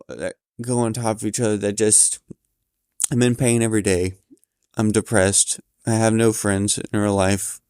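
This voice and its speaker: A weary man talks quietly from his bed, his voice low, clear and smooth. He stays fairly flat as he works through his thoughts, pausing and restarting. The sound is close and dry, with no room around it. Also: no echo. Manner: tired, halting, reflective. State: sleepy, yawning. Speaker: vlogger recording his thoughts. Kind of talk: candid personal monologue. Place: lying in bed at home.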